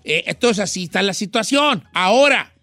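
A man's voice: high voice, animated, moderate pace, sharp tone, no echo, faint music behind. A man hosting a radio show, teasing and joking in slangy banter.

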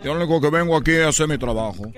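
A fast-talking Cuban baseball player, played by a man for a radio comedy bit, with a Cuban Spanish accent and a somewhat high voice. He is chatty and keeps calling people "chico". Music plays softly behind him. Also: lightly acted.

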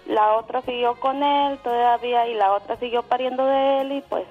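A woman's voice: on the high side, fairly even intonation, normal speed. Radio caller, woman, earnest and plain-spoken, muffled phone line with a little music underneath.

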